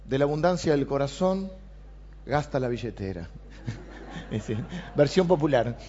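A man with a Rioplatense Spanish accent, preaching a sermon and reading scripture aloud with animated emphasis. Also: medium pitch, unhurried, husky. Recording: dull lo-fi sound.

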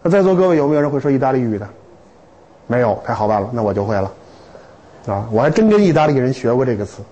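A man lecturing to students in a lively, humorous way, with stories and rhetorical questions. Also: medium pitch, fast, rough recording.

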